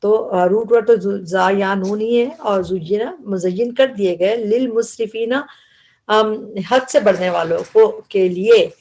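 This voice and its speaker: A woman's voice: mid-range voice, unhurried, a little mellow. A woman with an Urdu accent teaching a word-by-word translation lesson, explaining grammar patiently and repeating each word.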